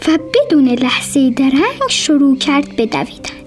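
A woman narrating a children's bedtime story gently and softly, sometimes slipping into a whisper. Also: sits high, sing-song. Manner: gentle, soft, often drops to a whisper. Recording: faint music behind.

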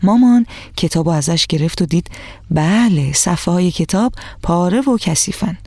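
A woman's voice: lowish voice, animated, dry recording. Woman narrating a children's story. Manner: warm direct address to children. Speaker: radio storyteller.

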